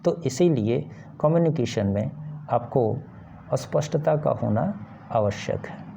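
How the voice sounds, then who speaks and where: A man teaching a lesson, explaining points one by one in a slow, deliberate way with pauses and fillers. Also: medium pitch, expressive, creaky, warm tone, slight background noise. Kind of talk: explanatory lecture.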